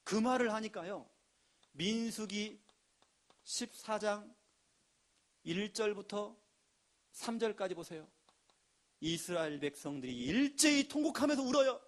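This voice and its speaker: A pastor delivering an emphatic sermon in a notably high voice. He drives his points home and slips into the voices of the people he quotes. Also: expressive, a little slow, long pauses. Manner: emphatic preaching with acted quotes.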